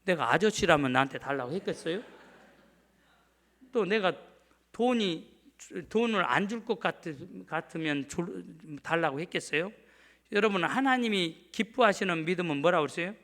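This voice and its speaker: A man's voice: sits high, lively intonation, normal speed, fairly bright tone. A middle-aged male pastor preaching a sermon emphatically, often asking the congregation to answer back. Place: church sanctuary.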